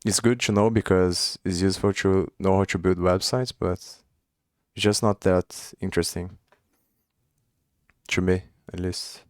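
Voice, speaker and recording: Coding live, a young man from Brazil thinks out loud in accented English, his second language, with frequent restarts and phrases that trail away. He speaks in a low, fairly even voice, a little slowly, recorded cleanly in a studio setting without echo.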